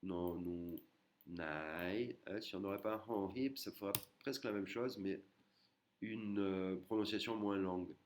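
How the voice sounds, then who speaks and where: A man's voice: on the low side, fairly even intonation, moderate pace, darkish tone, a little hiss or hum. A man teaching an online language lesson, patiently repeating and breaking words into syllables.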